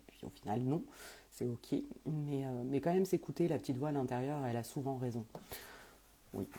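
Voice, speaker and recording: A woman with a rumbling low voice works as a medium, answering viewers' questions on a casual live stream. She speaks hesitantly, with many fillers and restarts, against a noisy background.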